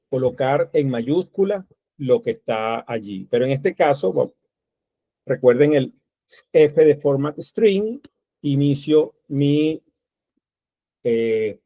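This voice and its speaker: A man's voice: medium pitch, slow pace, long pauses, dark tone, no echo. A man teaching a programming class, thinking aloud step by step while he types code. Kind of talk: screen-recorded coding tutorial. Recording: dull, lo-fi dry recording.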